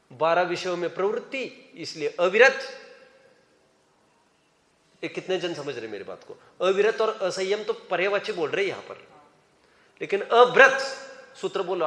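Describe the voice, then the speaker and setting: A man's voice: sits high, fairly bright tone. A man teaching a scripture class, questioning students by name and urging them to raise their hands. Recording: echoey hall reverb.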